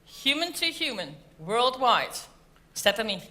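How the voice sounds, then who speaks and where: A woman's voice: fairly high pitch, very animated, a little slow, bright, forceful tone. A woman moderating a live stage event in an upbeat manner, as host. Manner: upbeat, echoes speakers' phrases.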